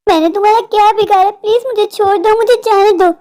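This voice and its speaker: A woman voicing a frightened young woman who pleads anxiously in an animated horror story. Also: very high voice, quick pace. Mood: scared.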